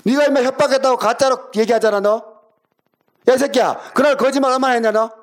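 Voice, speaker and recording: Man, very high pitched, combative, foul-mouthed, hectoring. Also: fairly even intonation, fast talker. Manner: aggressive, cursing and hectoring. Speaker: caller in a heated argument. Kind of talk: angry phone argument.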